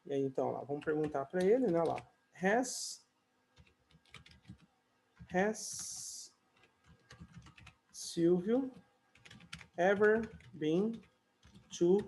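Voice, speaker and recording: A man from Brazil with a high, warm voice teaches an online English conversation class, with a slight hiss or hum on the recording. Chatty in manner, he fills his pauses with "né" and "ó" and sings or draws out his example sentences in English.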